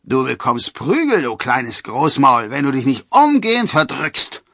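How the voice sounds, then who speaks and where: A man's voice: medium pitch, wildly swooping pitch, unhurried, gravelly, fairly bright tone, no echo, clean studio sound, pitched above the performer's own voice, full character voice. A man voicing a menacing male forester who growls threats.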